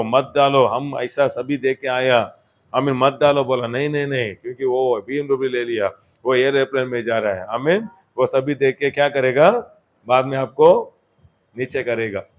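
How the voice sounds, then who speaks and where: A man preaches a church sermon, his speech sprinkled with English words. He rises to loud exhortation and then drops back to quieter, conversational asides. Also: medium pitch. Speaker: pastor.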